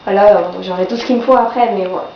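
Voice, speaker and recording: A woman's voice: medium pitch, fairly even intonation, rapid-fire. A young woman with a blocked-nose, sore-throat voice from a cold, casually reviewing products in a vlog. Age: teenager or young adult. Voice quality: congested, blocked-nose nasal voice. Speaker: beauty vlogger. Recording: dull, roomy, faint background noise.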